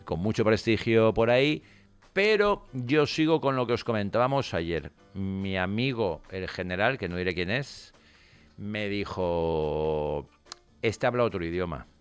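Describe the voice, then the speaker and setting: Man, deep, smooth, animated storyteller, faint music behind. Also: unhurried. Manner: animated storyteller, mimics others' voices. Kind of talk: casual radio chat.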